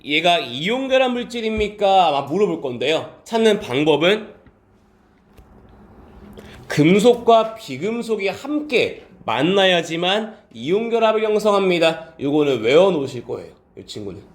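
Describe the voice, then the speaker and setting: A male teacher lectures a class, quizzing students by name and answering his own questions as he goes. His voice sits high and moves up and down a lot. He mixes polite speech with casual talk. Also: big pitch swings, normal speed. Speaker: science teacher.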